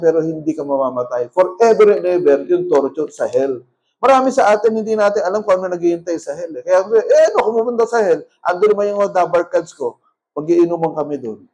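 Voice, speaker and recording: A male pastor with a Filipino accent preaches with a high-pitched voice. He presses his points hard, rising into loud questions to the congregation and then dropping to soft asides, all in mixed Tagalog and English. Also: poor audio. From Philippines. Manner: emphatic, swings between loud appeals and quiet asides, mixes Tagalog and English. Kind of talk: sermon.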